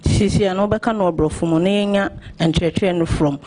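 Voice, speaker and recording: Male interpreter with a slightly higher voice. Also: steady tone, normal speed, darkish tone, a little hiss or hum. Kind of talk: consecutive interpreting.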